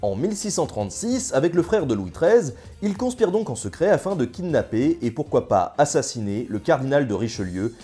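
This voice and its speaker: A man's voice: mid-range voice, sing-song, a little fast, few pauses, dark tone, soft background music. A young man narrating history in a casual scripted style, full of ironic, slangy asides. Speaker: history video host.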